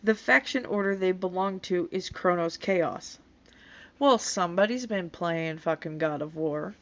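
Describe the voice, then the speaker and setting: A woman reading comments aloud in disbelief and adding casual, sarcastic, scoffing commentary with plenty of swearing. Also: medium pitch. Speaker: YouTube commentator reacting to comments. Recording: dull, lo-fi sound.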